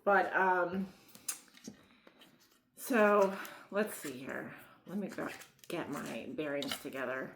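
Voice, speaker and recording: A woman's voice: lowish voice, lively intonation, slow pace, long pauses, fairly bright tone, reverberant, slight background noise. A woman with a Mid-Atlantic Maryland accent doing a casual tarot reading, rambling with lots of fillers and laughing at herself. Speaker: tarot reader.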